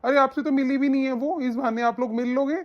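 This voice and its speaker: A caring young nephew in a cartoon story, as a woman voices him, coaxing and insistent. Fairly high voice, dull lo-fi sound. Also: steady tone, quick pace, lightly acted. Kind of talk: animated story voice acting.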